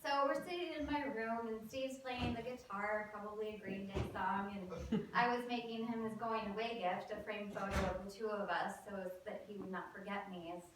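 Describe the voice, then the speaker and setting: A woman's voice: medium pitch, steady tone, fairly quick, noisy background. A woman in her thirties telling a comic personal story on stage, with wry, self-mocking timing. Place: theater stage with live audience. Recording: roomy, distant live stage recording.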